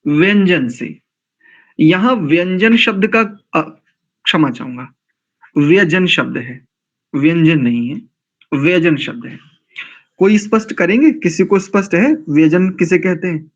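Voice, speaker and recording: A male Vedic teacher leads a scripture class at a very unhurried pace, stretching out each syllable of a mantra. His voice sits a little high for a man and comes through a dull, lo-fi recording. He often pauses to question his listeners and correct himself. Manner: slow, deliberate, drawn-out mantra pronunciation drills.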